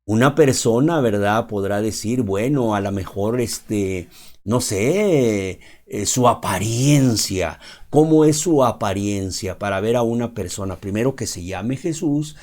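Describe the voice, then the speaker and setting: A man's voice: on the low side, animated, a little mellow. A man giving an unscripted sermon, talking in a loose, conversational way and often checking in with his listeners. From Mexico. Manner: conversational, keeps asking "¿verdad?" and pausing with "este". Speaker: preacher.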